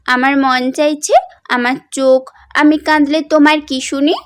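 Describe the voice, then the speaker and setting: A woman's voice: high-pitched, little pitch movement, a little slow. A woman voicing a young bride who snaps back defiantly while teary. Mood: snappish. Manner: snappish, defiant. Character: tearful young bride, sharp-tongued.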